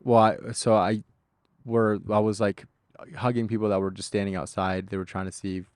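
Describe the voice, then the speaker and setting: Low-voiced man giving a halting eyewitness account. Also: level tone, a little mellow, dry recording, studio quality. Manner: halting, repeats and restarts phrases, slangy. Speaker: eyewitness being interviewed. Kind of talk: casual interview account.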